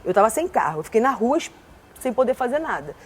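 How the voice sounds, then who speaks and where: Woman TV guest, husky, forceful delivery, rapid and a little high. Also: big pitch swings. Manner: speaks forcefully, gestures a lot. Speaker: interview guest. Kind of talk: emotional studio interview. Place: television studio.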